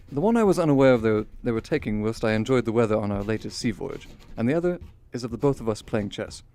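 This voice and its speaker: In a radio drama, an actor plays a courteous, affectionate Victorian gentleman reading letters to his sister. He uses formal, articulate period diction in a natural, medium-pitched voice.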